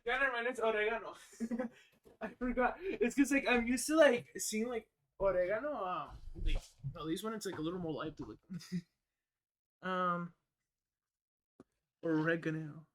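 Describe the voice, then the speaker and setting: High-voiced young man streamer, laughing. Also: moderate pace, fairly bright tone. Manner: laughing, rambling, cursing, filler-heavy. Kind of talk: casual live-stream chat while eating.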